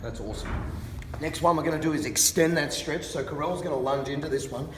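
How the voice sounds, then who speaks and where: A man working as a fitness instructor, explaining exercises in a careful, unhurried and encouraging manner. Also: a little high. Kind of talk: instructional exercise demonstration with coaching cues. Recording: distant mic, reverberant hall, background noise.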